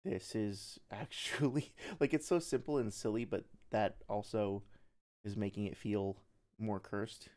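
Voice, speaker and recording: A man's voice: on the low side, a little slow, darkish tone. A man casually commentating on a game he plays live, with thoughtful, analytical asides like a developer. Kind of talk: casual livestream gameplay commentary. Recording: clear background noise.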